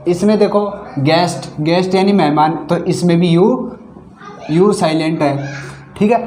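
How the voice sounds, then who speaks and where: A woman's voice: on the low side, unhurried, dark tone, slight background noise. Patient woman teacher spelling words aloud. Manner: spells words out letter by letter and glosses each meaning; patient, repetitive explaining. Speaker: English grammar teacher. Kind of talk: Hindi-medium classroom lesson. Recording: echoey room.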